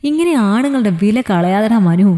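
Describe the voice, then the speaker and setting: A woman's voice: medium pitch, lively intonation, normal speed, dark tone, lightly acted. A woman storyteller voicing a young man who coaxes and mocks his friend. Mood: coaxing. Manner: coaxing, mocking. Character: young man, pushy mocking drinking buddy. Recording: reverberant echoey room.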